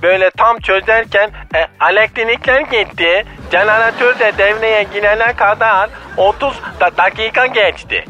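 A man's voice: high-pitched, normal speed, few pauses, pushed and bright, soft background music. A man playing a thawed-out frozen man who shivers and stammers, heard over a muffled phone line. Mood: shivering. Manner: stammering from cold.

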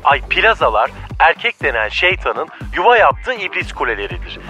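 A man doing a shrill, scornful man-hating woman. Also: sing-song, normal speed, dull audio, music in the background. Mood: preachy. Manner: huffy, preachy, sneering tirades. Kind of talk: radio comedy sketch.

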